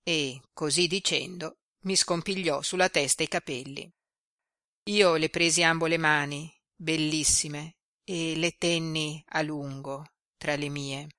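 A woman volunteer reader from Italy narrating a novella in a measured, expressive way. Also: low-pitched, no room sound, studio quality. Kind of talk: scripted narration.

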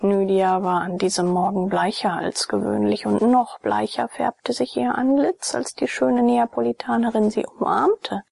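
A woman reading an audiobook aloud in calm, even scripted narration with a breathy voice, close to the mic. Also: mid-range voice, measured pace, few pauses, dry recording. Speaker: audiobook reader.

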